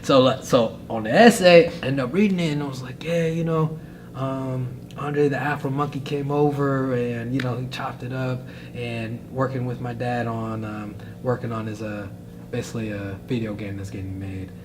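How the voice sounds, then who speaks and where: A young man on a podcast telling his story casually, rambling with many fillers and getting animated. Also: mid-range voice, normal speed, background noise. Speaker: podcast guest, fighter.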